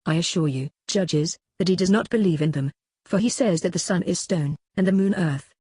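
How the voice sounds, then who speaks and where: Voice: medium pitch, moderate pace, darkish tone, breathy edge, dry recording, clean studio sound, lightly acted. A reader voicing a stubborn male accuser in a courtroom dialogue, giving curt, insistent answers in a dramatic reading.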